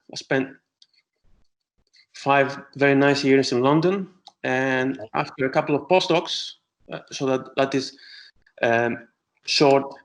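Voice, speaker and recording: A middle-aged man from Greece, an astronomer answering interview questions with many pauses and restarts. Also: mid-range voice, rough recording. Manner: hesitant, many fillers and restarts.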